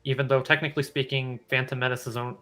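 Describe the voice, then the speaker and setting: Bright-voiced young man chatting casually. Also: mid-range voice, flat delivery, quick pace. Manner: chatty, hedging with "not gonna lie". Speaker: stream participant. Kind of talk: casual group chat. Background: music.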